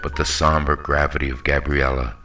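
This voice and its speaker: A man with an extremely low voice reads literary fiction audiobook-style, delivering scripted prose flatly and a little fast. Music is clearly audible behind him.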